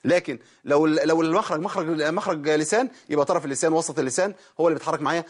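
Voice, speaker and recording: This fairly high-pitched male voice comes out rapid-fire. He is a tired Egyptian Arabic-accented teacher giving a broadcast Quran recitation lesson. He walks through the tajweed material step by step, demonstrates the sounds, and puts questions to his audience.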